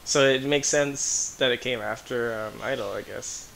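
A man's voice: mid-range voice, measured pace, vocal fry, fairly bright tone, a little hiss or hum. A man giving casual, rambling commentary on a music video, out of breath and full of "like" and "um".

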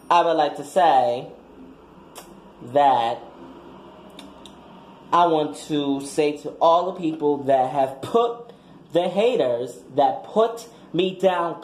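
A man's voice: fairly high pitch, expressive, extremely slow, long pauses, a little hiss or hum. A man voicing a brash, foul-mouthed young woman graduate giving a crude, combative speech in a comic skit. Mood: sassy. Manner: crude, combative, trash-talking. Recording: echoey room.

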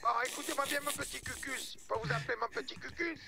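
A man's voice: very high voice, vocal fry, over music. A man voicing a rude, irritable older man with a mocked accent who snaps over the phone. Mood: grumpy. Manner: irritable, shouting, quick to take offence. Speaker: roleplay game player on a phone call.

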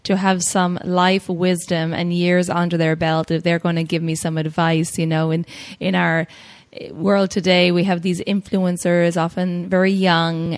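A woman in her forties hosting a podcast, agreeable and reflective as she chats with her guest. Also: on the low side. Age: 40s. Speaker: podcast host. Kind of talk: casual conversation.

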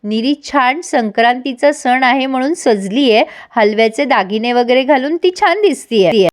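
A woman with a fairly high voice talks through a TV episode in a casual recap. She moves briskly from scene to scene and lightly acts out what each character says. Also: lively intonation. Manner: brisk retelling, quoting characters' lines with mild voices. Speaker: TV serial episode reviewer.

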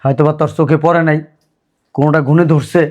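Man, brisk scolding brother in a village drama. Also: on the high side, steady tone. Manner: loud, scolding, rustic. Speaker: brother in a family skit. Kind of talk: Bangladeshi village drama acting.

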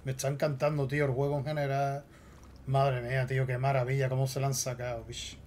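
A man with a Spain Spanish accent giving jumpy, excitable let's play commentary while he plays. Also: medium pitch, fast, slight background noise. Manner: jumpy, excitable, talks to himself. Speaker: gaming host.

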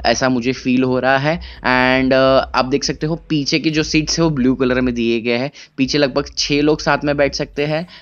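Young male car vlogger, 20s, casual walkaround delivery mixing in English, clear voice on a slightly muffled camera mic. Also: medium pitch, steady tone. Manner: casual, Hindi mixed with English, many "uh" pauses. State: tired but excited. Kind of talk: walkaround review vlog. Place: large indoor expo hall, walking through a bus.

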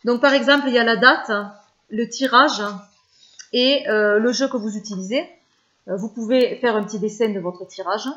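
A woman's voice: on the high side, normal speed, pushed and bright, lo-fi sound. A French-speaking woman vlogger chatting casually about her favorite channels, with many hesitations and fillers.

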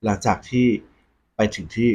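A man hosting a ghost story segment, talking conversationally and politely to his audience with a husky voice. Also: moderate pace, a little mellow, a little hiss or hum. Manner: polite, frequent Thai male polite particles.

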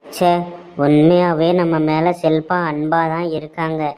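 Cartoon role: remorseful, scheming young man, played by a woman, Tirunelveli Tamil accent, low flat delivery. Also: measured pace, smooth. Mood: guilty musing. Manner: pleading, theatrical. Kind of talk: cartoon voice acting. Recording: dull lo-fi sound.

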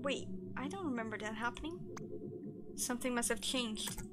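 A woman's voice: a little high, expressive, moderate pace, loud music behind the voice. A woman game streamer giving casual playthrough commentary and reading dialogue aloud, with muttered asides.

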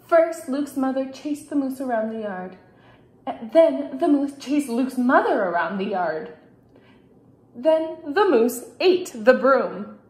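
A woman teacher reading a picture book aloud for her class, in an expressive storytelling manner with lively sound effects. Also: high voice, takes it slowly. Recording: roomy echo.

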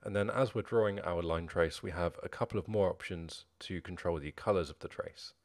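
A young man narrating a screen-recorded coding tutorial, explaining each step in a steady, methodical way. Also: sits low, brisk. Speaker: programming tutorial host.

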